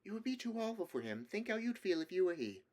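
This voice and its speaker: Storybook girl, the older sister, played by a man: lifted pitch, hushed, cautious, protective. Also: big pitch swings, fast. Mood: hushed, cautioning.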